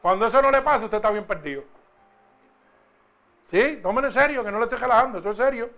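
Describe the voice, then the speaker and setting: Preacher guy, really high bright voice, chatty with the church, slows way down for scripture. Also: expressive, faint music behind. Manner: conversational preaching, asks the congregation questions; slow, emphatic when reading scripture. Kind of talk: sermon.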